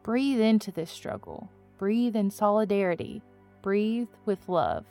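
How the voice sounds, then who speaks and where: A female podcast host guides a meditation, gentle, soothing and unhurried, leaving pauses between phrases. Her medium-pitched voice is gravelly and very animated, with faint music in the background.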